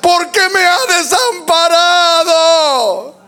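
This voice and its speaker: Man performing an anguished dying man in a sermon's acted quote, wailing, high and drawn out. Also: extremely slow, full character voice. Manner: crying, shouting, drawn out.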